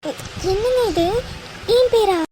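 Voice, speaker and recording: A woman's voice: extremely high pitch, slow pace, mellow, a little hiss or hum. A woman voicing a naive, shy young wife in a cartoon romance, innocent and pouting. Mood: jealous. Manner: innocent, pouting, easily tearful.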